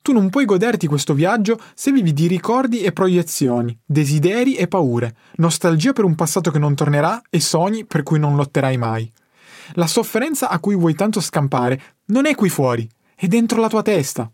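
A man's voice: fairly high pitch, very animated, moderate pace, a little mellow, dry recording, clean studio sound. A man voicing a patient wise old teacher. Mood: patient teaching. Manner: patient, instructive. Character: calm wise older male teacher. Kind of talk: audiobook character reading.

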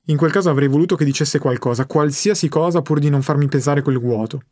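Male narrator, first-person audiobook, calm and measured, somewhat high voice, dry sound. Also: dry recording.

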